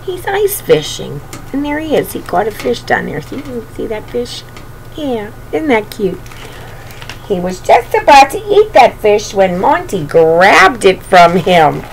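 With big swings in pitch and an unhurried, creaky mid-range voice, an older woman reads a storybook and chats tenderly with young children. It's a noisy home webcam recording, made at arm's length in a small bedroom.

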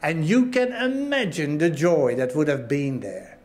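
A man's voice: a little high, lively intonation, a little slow, a little mellow. A pastor preaching a sermon, earnest, often repeating phrases and asking his listeners if they understand. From Australia. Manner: earnest, repeats phrases, asks the congregation questions.

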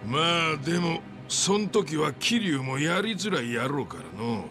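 A man playing a scornful, domineering middle-aged yakuza boss in a video game, with a Kansai accent and a gravelly, mocking, bullying delivery. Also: fairly high pitch, very animated, moderate pace, music in the background. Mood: contemptuous. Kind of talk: dramatic video game acting.

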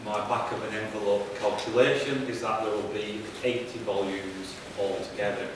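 Heard from afar in a noisy, reverberant conference room, a professor on a panel talks into a handheld mic from his seat at the table. His voice is lowish with fairly even intonation, and he stumbles along with frequent ums and false starts. The mic is distant.

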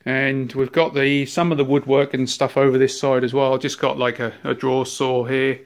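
Filming on a handheld phone, a workshop owner in his fifties with a New Zealand accent gives a casual tour of his big, cluttered workshop. His medium-pitched voice moves at a normal speed, staying fairly flat and even as he rambles along, relaxed and full of fillers.

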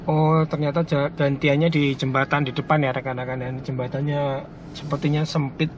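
A fairly high-voiced man talks through a road trip from behind the wheel, chatty and easygoing with his viewers. The sound is a little muffled, with a faint hum of the car underneath. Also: flat delivery, normal speed. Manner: chatty, keeps addressing viewers as colleagues. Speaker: car vlogger driving. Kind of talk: casual driving commentary. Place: inside a moving car.

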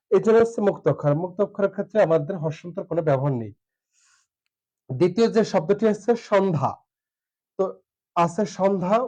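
A man with a Bangladeshi Bengali accent, teaching an online pronunciation lesson. He talks hesitantly, with many filler sounds, and spells out syllables slowly. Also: high-pitched, dark tone, highs cut off.

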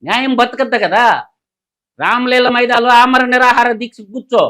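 Male political analyst, high voice, combative, fires off rhetorical questions. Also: a little fast, sharp tone. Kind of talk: heated political commentary.

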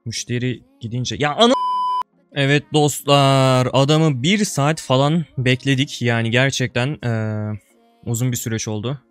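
Excitable young man narrating gameplay. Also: measured pace, smooth, soft background music. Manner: excitable, swinging between loud outbursts and low mutters; slangy, buddy-style address to viewers. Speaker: gaming video creator. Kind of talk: casual gameplay commentary.

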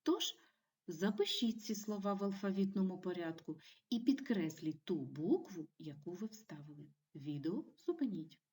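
A woman teaching a primary school video lesson, giving clear and encouraging instructions to young children. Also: lowish voice, animated, moderate pace, darkish tone, recorded from a distance. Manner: clear, encouraging classroom delivery.

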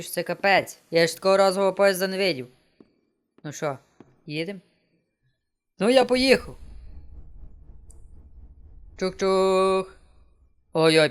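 Over game music, a male streamer with a slightly high, fairly bright, smooth voice jokes around and talks casually to himself while playing. The style is easygoing let's-play commentary.

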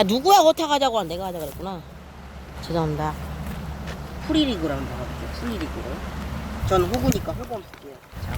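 A man vlogging while he fishes outdoors. He mutters apologies to the viewers, then breaks into loud, frustrated outbursts. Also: high-pitched. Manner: self-mocking, swings between mumbled apologies and loud frustrated outbursts. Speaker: fishing vlogger. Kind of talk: casual solo vlog narration. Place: outdoors by the water. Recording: noisy outdoor recording.

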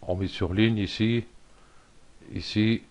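A man giving a casual software tutorial, thinking aloud with lots of fillers and little self-deprecating asides. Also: lowish voice, steady tone, takes it slowly. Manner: rambling, thinks aloud with many fillers and "hop". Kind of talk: casual screen-recorded tutorial.

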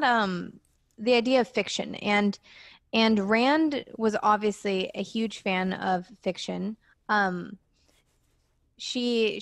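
A woman's voice: medium pitch, no echo, studio quality. Curious woman interviewer. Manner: curious, reflective questioning. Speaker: podcast host. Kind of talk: conversational interviewing.

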